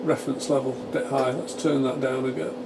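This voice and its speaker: A brisk, medium-pitched man who presents a radio repair channel narrates live as he works in a small home electronics workshop, thinking aloud and explaining each step in an informal technical demonstration. The cooling fans of his test equipment create a steady hum of fan and equipment noise throughout.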